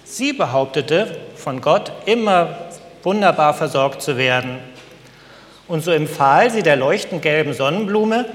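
Man telling a gentle story in a reverberant room. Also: fairly high pitch. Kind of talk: scripted storybook narration.

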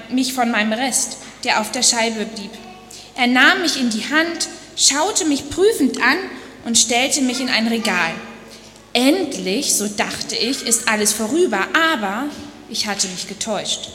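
A woman's voice: on the high side, pushed and bright, roomy sound, big-room sound, a little hiss or hum, heavily acted. A woman voicing a delicate talking porcelain box that tells its story of being shaped, crying out for it all to stop. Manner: pleading cries of complaint. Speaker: speaker in a church dialogue sermon. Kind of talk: dramatic first-person storytelling.

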